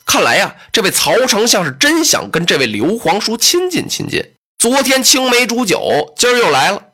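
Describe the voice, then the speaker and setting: A storyteller giving a traditional storytelling performance, dramatic and lively, with explanatory asides. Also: medium pitch, normal speed, breathy edge.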